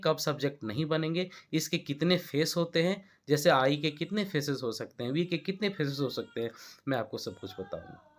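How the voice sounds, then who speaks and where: A man with an Indian accent teaching English grammar in a classroom-style lesson, often stopping to check that students follow. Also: medium pitch. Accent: Indian Hindi-speaking. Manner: explanatory, checks understanding with repeated questions.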